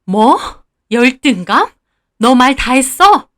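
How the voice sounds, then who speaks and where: A woman voicing an angry, scolding older mother-in-law, shrill and contemptuous. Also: expressive, normal speed, a bit bright. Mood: outraged.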